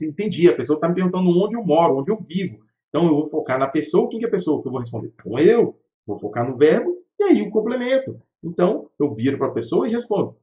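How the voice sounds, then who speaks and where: A man from Brazil gives a relaxed online English lesson in a lively voice that swings up and down a lot. He keeps checking in with his listeners and slows right down to model each English phrase. His voice comes through a roomy, slightly dull livestream recording. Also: on the high side. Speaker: English teacher.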